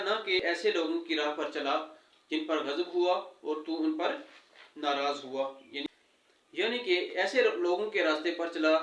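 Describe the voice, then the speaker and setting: A man giving a lesson on correct Quran recitation, explaining sounds and chanting verses slowly. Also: on the high side, fairly bright tone, reverberant, recorded from a distance, low-quality recording. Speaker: religious teacher. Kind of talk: tajweed lesson with slow recitation.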